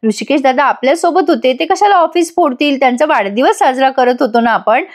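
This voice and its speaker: A woman's voice: high-pitched, brisk, lightly acted. Woman reading a defiant young woman. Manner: sharp, defiant.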